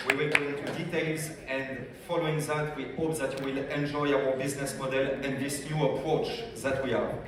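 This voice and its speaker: A business development director from France, with a strong French accent, gives an energetic business training talk in a large convention hall, regularly putting questions directly to the audience. His medium-pitched voice moves at a moderate pace with hardly any pauses. The hall is echoey, the mic is far away, and crowd noise is audible.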